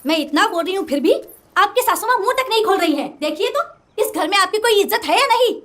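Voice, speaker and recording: A woman's voice: very high voice, moderate pace, a bit bright, pitched above the performer's own voice. A woman voicing a greedy, scornful stepmother who nags and scolds shrilly. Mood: complaining. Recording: music playing under dialogue.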